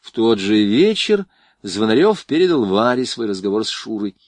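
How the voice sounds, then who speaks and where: Expressive male audiobook narrator. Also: on the low side, normal speed, no room sound. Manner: expressive, varied voicing. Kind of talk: scripted narration.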